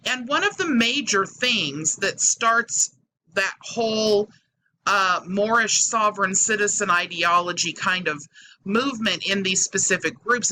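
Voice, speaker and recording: A woman's voice: mid-range voice, pushed and bright. A woman hosting a YouTube commentary, talking casually to subscribers, her voice metallic and hollow as if through a faulty microphone. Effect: metallic, tinny, hollow sound from faulty microphone. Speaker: YouTube host. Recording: tinny hollow microphone, fan noise behind. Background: whirring fan.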